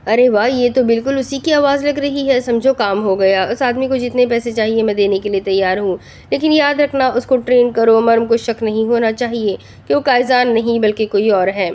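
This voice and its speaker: A woman's voice: fairly high pitch, fairly even intonation, darkish tone, close to an everyday voice. A woman voicing a ruthless, short-tempered male gang boss who scolds his men harshly. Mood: pleased.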